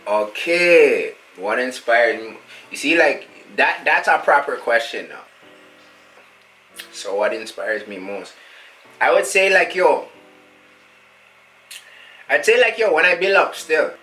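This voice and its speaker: A man's voice: mid-range voice, very animated, takes it slowly, long pauses, pushed and bright, faint music behind, full character voice, poor audio. A young man, playing a cocky street rapper who rambles in thick slang and caps every thought with a filler tag. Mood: boastful. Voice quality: slang-heavy rambling with endless filler tags. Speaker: musician being interviewed. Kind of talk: comedy sketch.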